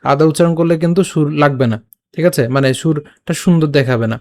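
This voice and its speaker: A man teaching Sanskrit verse pronunciation, breaking words into syllables and reciting them slowly and carefully. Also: on the high side, a little mellow. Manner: chants verses in a tune. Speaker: Gita teacher.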